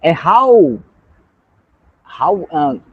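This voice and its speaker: A man's voice: fairly high pitch, sing-song, very slow, dull audio. A man from Brazil with a Brazilian accent, a native Portuguese speaker learning English, chatting hesitantly in a casual lesson. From Salvador, Brazil.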